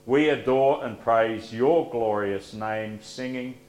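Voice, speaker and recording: A man leading liturgical prayers as pastor, reading in a measured, solemn way, his voice carried by the echo of a large church sanctuary. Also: mid-range voice, loud music behind the voice. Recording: echoey church room with faint hum.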